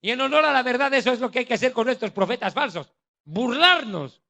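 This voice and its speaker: A male preacher delivers a sermon full of mockery and jokes. His voice is high and bright, and he lands his points with heavy emphasis. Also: animated, a little fast, creaky. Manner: mocking, jokey, emphatic.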